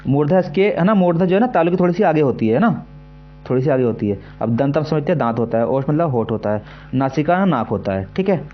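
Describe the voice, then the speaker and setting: A man teaching an exam-prep lesson, repeating himself often and slowly sounding out syllables to demonstrate them. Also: on the high side, dull audio. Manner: repetitive, keeps asking "है ना" and "ठीक है".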